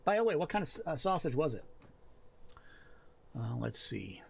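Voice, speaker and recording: Hosting a live stream that helps with writing and worldbuilding, a man with a somewhat high, creaky, slightly rough voice sounds very animated. He looks over work on his screen and chats casually, thinking out loud, stopping and starting again as he reads.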